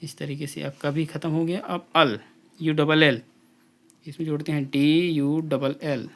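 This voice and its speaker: A man teaching an English phonics drill, spelling out letters and blending each sound slowly with repetition. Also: a little high, level tone. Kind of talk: slow phonics drill lesson.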